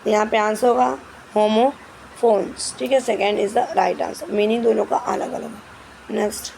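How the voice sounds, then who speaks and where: A woman's voice: medium pitch, fairly even intonation, creaky, a little mellow, slight background noise, poor audio. A woman teacher explaining English grammar questions in Hindi, stepping through each answer and often checking with "ठीक है". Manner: reads English questions slowly and carefully.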